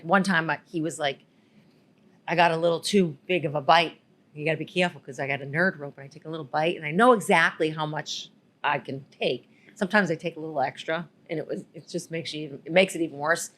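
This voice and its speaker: Giggly, breathy woman telling stories. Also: sits low. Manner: giggly, rambling, animated storyteller. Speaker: podcast co-host. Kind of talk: casual storytelling chat.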